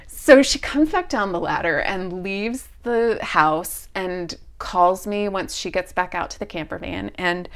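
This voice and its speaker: A woman podcast host telling a story in a casual way, acting out both sides of a quarrel with lively energy. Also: lowish voice, a little slow, few pauses.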